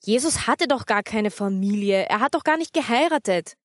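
A woman's voice: fairly high pitch, expressive, moderate pace, no room sound, studio quality, natural voice. A woman voicing a sulky young daughter who protests in a whiny, raised voice. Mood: indignant.

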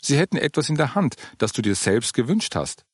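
A calm older churchgoing woman, patient and gently cheerful as she explains things, as a male narrator puts her on. Her voice sits a little higher than his usual tone and swings widely in pitch. The sound is dry and close. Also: brisk, breathy edge, no echo. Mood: encouraging.

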